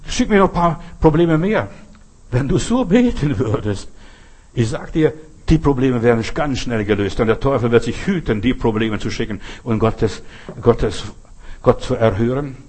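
A man preaching a sermon in an emphatic, repetitive way, with a husky voice. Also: fairly high pitch. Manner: emphatic, repeats phrases, shouts echoing cries when telling stories.

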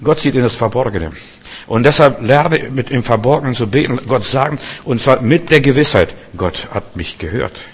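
Man preaching a lively sermon in a hall. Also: medium pitch, moderate pace, husky. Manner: conversational, addresses listener as du, builds to emphatic outbursts. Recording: long reverb.

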